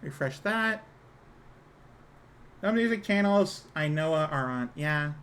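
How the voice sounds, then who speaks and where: Woman streamer, low-set feminine voice, casual live chat, halting delivery, self-conscious, apologetic. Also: expressive.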